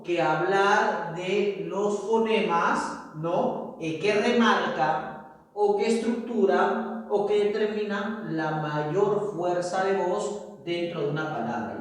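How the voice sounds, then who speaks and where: Male teacher, high voice, slow lecture pace, keeps asking "right?"; recorded from afar in a roomy, reverberant space. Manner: checks in with frequent tag questions. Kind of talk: classroom lecture. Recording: echoey room, far from mic.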